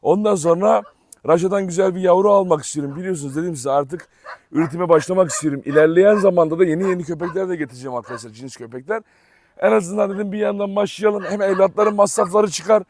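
A man's voice: sits high, fast talker. A man vlogging outdoors on a farm, chatting to viewers and coaxing his dog to come. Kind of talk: casual chat to camera.

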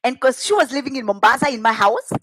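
Middle-aged kenyan lady w kikuyu accent telling her life story, really high voice, dramatic, close dry headset sound. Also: animated, fast talker, a bit bright, breathy edge, no echo. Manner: dramatic, emphatic, with rhetorical questions. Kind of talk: animated personal storytelling. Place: home kitchen, indoors.

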